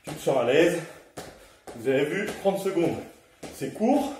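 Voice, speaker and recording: A man leads an encouraging home workout, counting down and coaching moves while exercising, slightly out of breath. His animated voice is on the high side and darkish, a little slow, with a little hiss or hum, recorded far off in a very echoey room at home.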